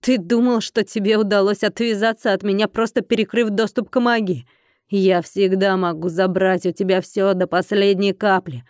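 A woman's voice: mid-range voice, steady tone, normal speed, a little mellow, no echo, studio quality, natural voice. A woman voicing a greedy, furious male dragon who growls and barks. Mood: menacing. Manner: growling, barking.

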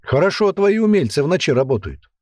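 A boisterous warlord barks and gloats, as a male narrator puts him on. The voice sits higher than the reader's own, with a husky edge in a dry, close recording. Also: very animated, brisk, a little mellow, no echo. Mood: commanding. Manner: barking, boisterous. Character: burly red-haired male commander, coarse and gloating.

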